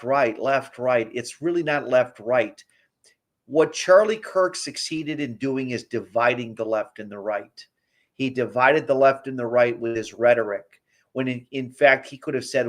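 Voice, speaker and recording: A man from the Cleveland, Ohio area hosting a casual livestream, talking bluntly and directly with frequent restarts. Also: mid-range voice. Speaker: livestream host.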